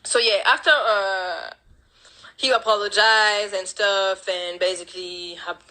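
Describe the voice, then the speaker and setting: A woman telling a painful personal story in a halting way, with many restarts and retold dialogue, speaking English as a with as her first. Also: medium pitch, steady tone, bright, forceful tone, low-quality recording. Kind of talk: emotional personal account.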